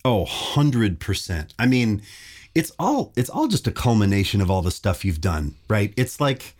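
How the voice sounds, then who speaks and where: A man in his forties, a bass player chatting casually in an interview, animated and enthusiastic. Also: measured pace. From Minneapolis. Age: 40s. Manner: animated, enthusiastic, laughs often.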